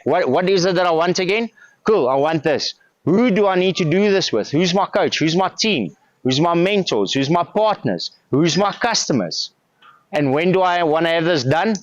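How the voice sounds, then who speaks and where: A man's voice: fairly high pitch, a bit bright, no room sound, highs cut off. A South African man speaking as a business coach, giving an emphatic motivational talk to a group with plenty of rhetorical questions.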